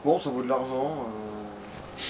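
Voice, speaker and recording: A man with a mid-range voice takes it slowly as he plays a video game, chatting casually with a friend. At the controls for a let's play, he rambles and swears, and the home recording is clearly noisy.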